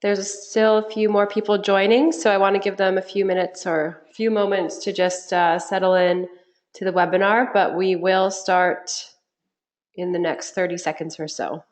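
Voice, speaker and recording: A woman's voice: mid-range voice, little pitch movement, normal speed. A woman with a nasal voice from a cold, hosting a live webinar in a friendly, chatty way with frequent ums. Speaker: webinar host. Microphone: computer mic on a web call. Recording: echoey room on a web call.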